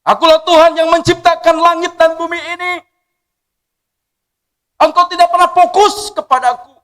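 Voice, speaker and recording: A man preaching a sermon, voicing God as a stern, commanding male divine voice that declaims loudly at a raised pitch. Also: steady tone, normal speed, long reverb tail.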